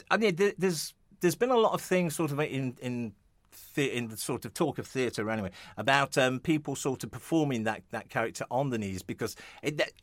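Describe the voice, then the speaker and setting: A man's voice: mid-range voice, a bit bright, no room sound. A man hosting a radio interview in a casual, chatty way, rambling with frequent restarts and fillers, and chuckling often. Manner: jovial, chuckling. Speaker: radio host. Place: radio studio.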